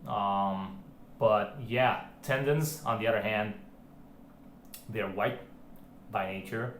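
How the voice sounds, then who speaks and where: A man's voice: on the low side, steady tone, takes it slowly. A man vlogging casually about his home arm workout, rambling with many fillers and restarts. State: out of breath. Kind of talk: casual filmed chat. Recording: roomy home recording, faint background hiss.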